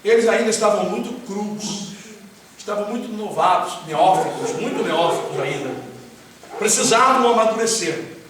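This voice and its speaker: A man's voice: high-pitched, animated, moderate pace, fairly bright tone. A man preaching a sermon as pastor, talking conversationally and often asking the congregation questions. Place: church hall with congregation. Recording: very echoey hall, voice far off, faint hiss.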